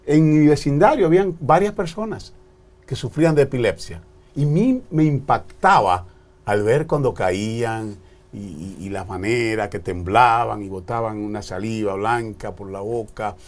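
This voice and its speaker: A man's voice: fairly low pitch, moderate pace. A man from the Dominican Republic with a Dominican accent, hosting a TV talk show and growing emphatic as he tells stories. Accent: Dominican Spanish. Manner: expressive, grows emphatic telling stories.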